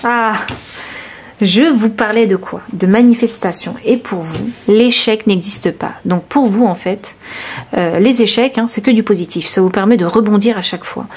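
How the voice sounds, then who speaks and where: A woman reading tarot cards for her viewers, talking straight to them in a searching, reassuring way with many pauses and restarts. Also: medium pitch, darkish tone, husky. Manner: intimate, reassuring, addresses viewer directly. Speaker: tarot reader. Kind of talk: intuitive tarot reading to camera.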